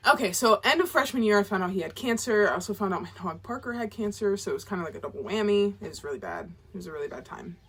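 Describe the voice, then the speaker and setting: Lively bright young woman rambling vlog-style. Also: mid-range voice, racing, few pauses, slightly rough. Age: 20s. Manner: rambling, self-deprecating, chatty. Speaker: author and vlogger.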